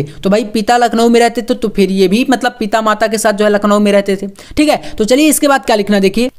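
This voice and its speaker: A young man coaching students for an exam, walking through model answers with emphatic, repeated reminders and coaxing asides. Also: very high-pitched. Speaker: exam prep tutor.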